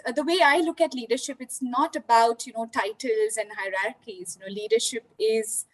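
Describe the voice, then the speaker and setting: A woman's voice: fairly high pitch, low-quality recording. A woman from India, speaking reflectively as a panelist in a virtual panel discussion, over a video call and with many "you know" fillers. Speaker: panelist, leadership development.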